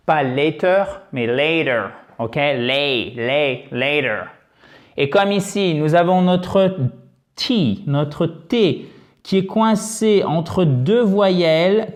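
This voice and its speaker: A native French-speaking English teacher giving an online lesson, explaining patiently and saying English example phrases slowly and clearly. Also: medium pitch. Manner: explains patiently, checks with frequent "ok?".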